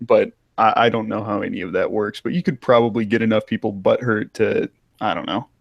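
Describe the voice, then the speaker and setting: A man's voice: fairly low pitch, steady tone, fairly quick, vocal fry, no room sound, dull audio. A young man chats in a casual voice call. He jokes at his own expense. His voice sits close and dry on the mic. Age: young adult. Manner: joking, self-mocking. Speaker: college student. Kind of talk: casual group voice chat.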